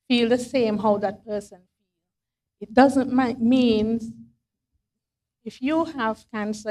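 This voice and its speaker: A woman's voice: mid-range voice, a little mellow. A woman explaining things on a panel, recorded on stage with a handheld microphone. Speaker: health forum panellist. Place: forum hall, on stage. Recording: slightly distant microphone.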